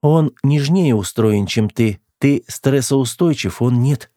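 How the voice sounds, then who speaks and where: A man reading an audiobook, voicing a calm, truthful female android crew member in a raised, level voice. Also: medium pitch, slow, no echo, clean studio sound, voice pushed up, close to an everyday voice. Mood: matter-of-fact. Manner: level, matter-of-fact reporting.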